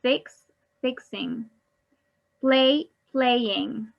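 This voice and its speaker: Each English grammar rule gets explained twice, first in English, then in Spanish, by a woman teaching online. She speaks very slowly at a fairly high pitch with vocal fry, and her computer mic gives a dull, lo-fi sound.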